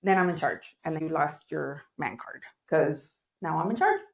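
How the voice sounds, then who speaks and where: A woman's voice: low-pitched, animated, moderate pace, vocal fry, echoey room. A woman in her thirties co-hosting a casual podcast chat, blunt and frank, laughing often. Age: 30s. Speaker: podcast co-host.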